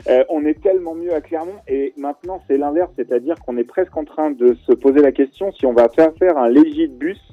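A man's voice: fairly high pitch, brisk, few pauses, dry recording, phone-quality sound, faint music behind. A man, guest on a radio talk show, chatting casually about an event he organizes, with many fillers and restarts. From France.

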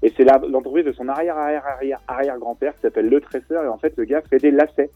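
A man's voice: medium pitch, steady tone, quick pace, no echo, phone-quality sound, faint music behind. Man talking with many fillers. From France. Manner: hesitant, many fillers and restarts. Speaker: guest, event organizer. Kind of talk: radio talk show chat.

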